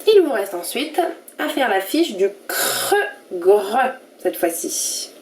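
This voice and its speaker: A woman's voice: mid-range voice, very animated, takes it slowly, slight background noise. A woman voicing a small cheerful squirrel puppet who helps a teacher with young children's lessons. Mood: chirpy. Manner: bright chirpy greeting, singsong sounding out of syllables. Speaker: teacher's helper for young pupils.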